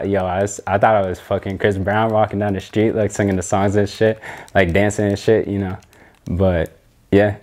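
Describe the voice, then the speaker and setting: Deep-voiced young man, slangy and rambling. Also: darkish tone. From Canada. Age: young adult. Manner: loose, slangy, rambling with many fillers and swearing. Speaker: interview guest, designer. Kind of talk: casual interview chat.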